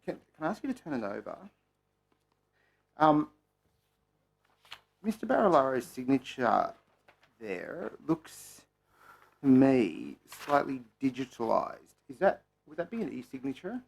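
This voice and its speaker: An Australian man questioning a witness at a parliamentary committee, polite and halting, with many pauses. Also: medium pitch, very animated, gravelly, a little mellow.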